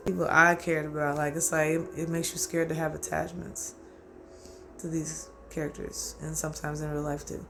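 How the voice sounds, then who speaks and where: A man hosting his own channel, rambling through a casual, profane, excitable recap of an anime and often acting out his own reactions. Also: on the high side, moderate pace, gravelly, over music. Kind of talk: casual solo anime commentary.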